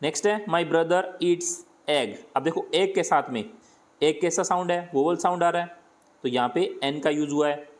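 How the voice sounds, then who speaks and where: Teacher voice: man with a Hindi accent, slightly high-pitched, patient step-by-step grammar explanation. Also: normal speed. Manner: explains step by step, asks and answers his own questions. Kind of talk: grammar lesson.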